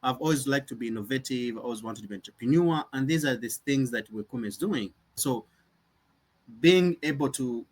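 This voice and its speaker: Husky and mid-range, the brisk voice of a young Ugandan nonprofit founder carries an earnest, reflective tone through a conversational interview, with many restarted sentences.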